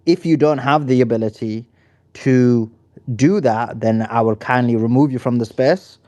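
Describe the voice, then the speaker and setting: A man hosting an online audio debate in a mid-range voice. He speaks firmly and deliberately, calling on speakers and setting rules. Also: medium pitch, a little mellow, muffled recording. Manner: firm, measured and reproving. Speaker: host.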